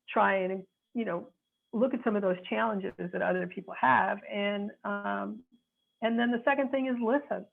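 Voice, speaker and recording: This woman in her sixties, an attorney from North Chicago in the Midwest, speaks in a mid-range voice with vocal fry. She gives sincere, direct advice in a reflective way, searching for her words, over a tinny line that sounds like a phone.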